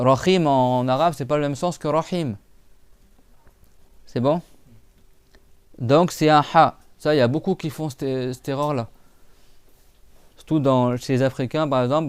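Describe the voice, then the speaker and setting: Smooth, dry-voiced man teaching. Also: fairly high pitch, no room sound. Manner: patient, repeats and drills sounds; casual spoken French with many fillers. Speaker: Quran recitation teacher. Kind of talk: live class explanation.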